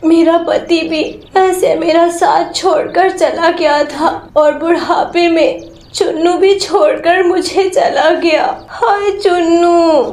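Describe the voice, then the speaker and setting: A woman voicing an old sparrow grandmother who speaks slowly and mournfully, in a storybook tale. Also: very high-pitched, steady tone, a little mellow, full character voice. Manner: slow, mournful. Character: elderly grieving sparrow grandmother. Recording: roomy echo.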